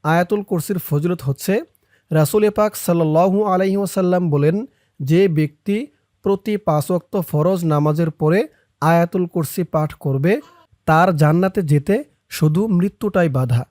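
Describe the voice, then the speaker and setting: A teacher giving a step-by-step recitation lesson, talking quickly between slow, drawn-out chanted phrases and asking viewers to repeat each one. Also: mid-range voice, a little mellow, dry recording, studio quality.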